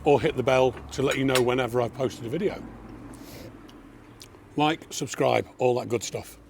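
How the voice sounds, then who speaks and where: Gravelly New barbecue host outdoors. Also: male voice, medium pitch, moderate pace. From New Zealand. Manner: relaxed, chatty, talks to viewers. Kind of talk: casual cooking demonstration. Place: backyard outdoors. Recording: outdoor noise with passing vehicles.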